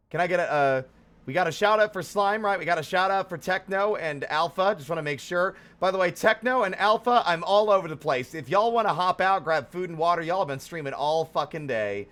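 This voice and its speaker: With lively intonation, a fairly bright tone, and a slightly high voice at a moderate pace, a man hosts a casual livestream, chatting playfully and theatrically with viewers as he drifts between greetings and exclamations.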